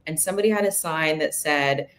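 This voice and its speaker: A woman's voice: low-pitched, a little fast, fairly bright tone. A woman co-hosting a casual chat, telling a story in a reminiscing, conversational way. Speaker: podcast co-host.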